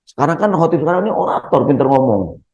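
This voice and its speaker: A man's voice: fairly high pitch, quick pace, lo-fi sound. A middle-aged man, giving a humorous Ramadan sermon in a mosque and keeping the audience involved with questions. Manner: lively, jokey, keeps asking the audience questions. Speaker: preacher.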